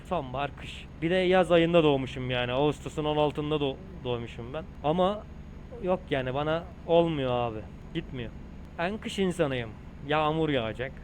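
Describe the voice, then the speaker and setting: A man's voice: on the high side, slight background noise. Chatty young man gaming and joking. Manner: chatty, swears, talks to viewers while driving. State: tired and hot. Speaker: gaming streamer. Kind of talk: casual gameplay commentary.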